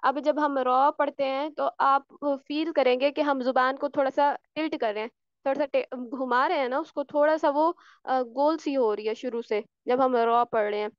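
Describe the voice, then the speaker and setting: A woman's voice: high-pitched, steady tone, normal speed, no room sound, dull audio. A woman teaching a recitation class online, patiently explaining and repeating sounds for her students. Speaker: tajweed teacher.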